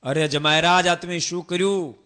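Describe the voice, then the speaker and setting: Man putting on a shrill, loud, lamenting elderly mother-in-law for a sermon story; bright tone. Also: steady tone, moderate pace. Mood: pleading. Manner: high-pitched loud lament. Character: pleading distraught older mother-in-law, woman.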